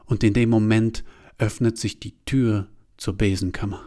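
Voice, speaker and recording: A man narrating a first-person story in a confessional way, turning from hushed to agitated. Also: fairly low pitch, steady tone, moderate pace.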